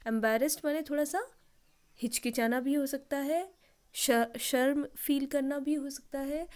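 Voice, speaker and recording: Woman, vocabulary teacher, patient classroom explaining, voice a touch high, Hindi with English examples. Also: measured pace, a little mellow. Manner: explains in Hindi with English example sentences, checks understanding often. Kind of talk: classroom-style vocabulary lesson.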